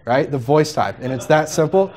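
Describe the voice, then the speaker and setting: A man giving a jokey, chatty live workshop demonstration as a music software trainer, teaching a room of people and acting out quoted asides. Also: on the high side, expressive, moderate pace.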